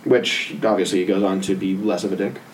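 A man's voice: low voice, brisk, distant mic, a little hiss or hum, low-quality recording. A man co-hosting a casual movie-review podcast, sarcastic and swearing, mimicking characters' lines. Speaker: podcast co-host.

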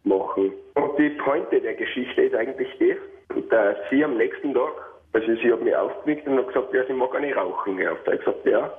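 A man's voice: medium pitch, fairly quick. Austrian man calling in by phone. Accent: Austrian German. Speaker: caller. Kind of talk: telling an anecdote on air. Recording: phone line on radio.

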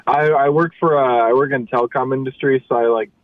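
A man's voice: mid-range voice, steady tone, fast, no room sound. A man calling a radio show on speakerphone from his car, eager and grateful, often repeating words as he starts a sentence. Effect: speakerphone call over a phone line. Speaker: radio caller. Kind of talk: casual call-in chat. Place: car on the way to work. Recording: tinny speakerphone line.

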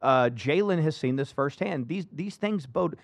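A man hosting a casual sports talk show, emphatic and animated, often restarting his sentences. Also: on the high side, a little slow, gravelly, dry recording.

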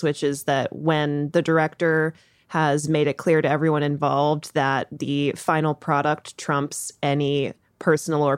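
Low-voiced woman, wry podcast co-host. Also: no room sound, clean studio sound. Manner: wry, jokey and irreverent. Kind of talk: casual film-review chat.

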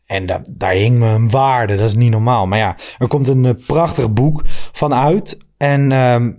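A man hosting a podcast in a casual, relaxed chat, reading out listener messages. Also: mid-range voice, measured pace. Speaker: podcast host.

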